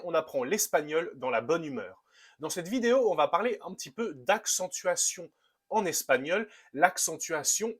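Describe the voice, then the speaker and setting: Young guy teaching a language lesson, kinda high voice, cheerful and clear, slows right down for examples. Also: a bit bright. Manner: upbeat, explanatory, reads examples slowly. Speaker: Spanish teacher.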